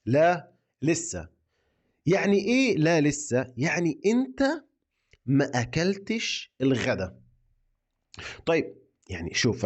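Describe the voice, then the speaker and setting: A man's voice: mid-range voice, a little mellow. An Egyptian man gives a patient language lesson, saying each example phrase several times at an easy pace. His voice sits in a middle register, and the recording sounds a little dull and lo-fi. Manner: repeats example sentences slowly for learners. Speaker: Egyptian Arabic teacher. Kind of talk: slow, repetitive language lesson.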